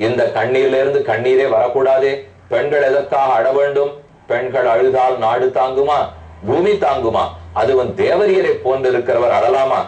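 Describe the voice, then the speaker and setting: A man giving a devotional discourse who chants scripture verses slowly and then explains them in plain talk. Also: mid-range voice, a little mellow. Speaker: religious discourse speaker. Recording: roomy, from far off the mic.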